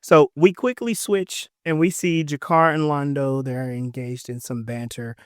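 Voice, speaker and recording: A man's voice: on the high side, measured pace, clear, resonant tone, no room sound, studio quality. A man hosting a podcast, recapping an episode in a casual, joking way with slangy asides to his listeners. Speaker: podcast host.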